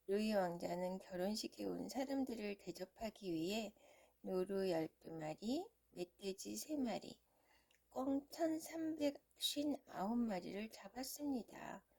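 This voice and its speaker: A woman reads a children's storybook aloud, as if to a young child. Her voice is soft-edged and mellow, at a medium pitch, with noticeable creak. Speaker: storybook reader.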